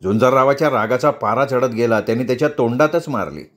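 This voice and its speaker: A male audiobook narrator reads a novel in a steady storytelling voice. His pitch sits in the middle range, and he slips into the characters as they speak. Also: fast. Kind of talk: novel reading.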